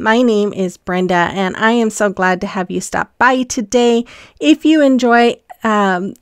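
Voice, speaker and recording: A woman's voice: fairly high pitch, smooth, no room sound, clean studio sound. A woman hosting a casual craft tutorial voice-over, chatty and rambling with frequent ums and restarts. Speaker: craft channel host.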